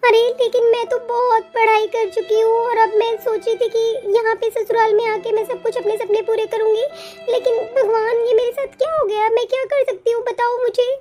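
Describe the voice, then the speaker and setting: A woman's voice: very high-pitched, flat delivery, brisk, mellow. A woman voicing an earnest, educated young daughter-in-law in a cartoon, talking in an indignant, pleading way. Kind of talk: cartoon voice acting.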